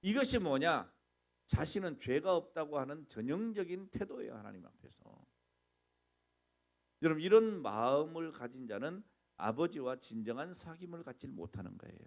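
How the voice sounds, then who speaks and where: A middle-aged man preaching a sermon as pastor, animated, asking the congregation questions and acting out complaints. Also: on the high side, moderate pace.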